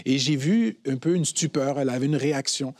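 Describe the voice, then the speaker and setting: A man, a pastor and guest on a talk show, telling a lively testimony and rising to a shout at times. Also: medium pitch, fairly quick, no room sound, studio quality. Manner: animated storyteller, swells to shouting. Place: TV studio.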